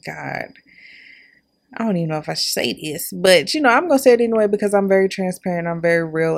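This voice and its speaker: Gravelly-voiced young woman podcaster. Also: sits low. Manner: candid, chatty, addresses listeners as y'all. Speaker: podcast host. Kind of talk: casual personal storytelling.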